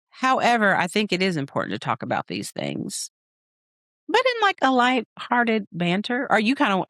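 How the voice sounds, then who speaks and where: A young woman co-hosting a podcast as a nurse, telling stories in a playful, animated way and acting out scenes. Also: lowish voice, dry recording, studio quality. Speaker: podcast co-host, nurse practitioner. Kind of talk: casual storytelling chat.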